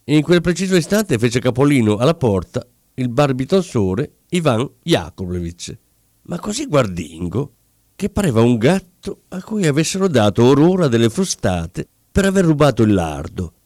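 A male audiobook narrator reads with lively, wide-ranging intonation and dramatic pauses. His voice sits at a middle pitch and sounds dry and close to the mic. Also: dry recording. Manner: expressive, dramatic storytelling with pauses. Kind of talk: scripted narration.

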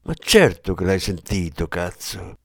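A man voicing a grieving, menacing former policeman in an audiobook, with a hard, forceful delivery. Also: sits low, sing-song, unhurried, dry recording, studio quality, full character voice. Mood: threatening.

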